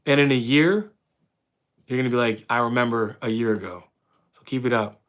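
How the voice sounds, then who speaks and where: A relaxed man in his thirties from Canada, chatting live with his viewers. He talks loosely and warmly, full of "um"s and restarts as he reads questions aloud, and his voice sits at an ordinary middle pitch. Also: moderate pace. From Windsor, Ontario, Canada. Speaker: fitness streamer answering chat. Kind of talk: casual live-stream chat.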